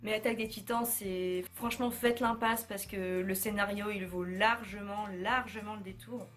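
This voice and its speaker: A woman's voice: mid-range voice, fairly even intonation, moderate pace, fairly bright tone, soft background music. A young woman chatting casually in a vlog, showing her bookshelf, often hesitating with fillers and correcting herself. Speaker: book vlogger.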